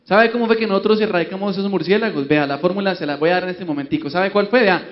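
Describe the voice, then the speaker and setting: A man's voice: high voice, quick pace, lightly acted. A man playing a sly, proud Colombian bishop from the paisa region. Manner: sly, matter-of-fact. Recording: dull lo-fi, long hall reverb.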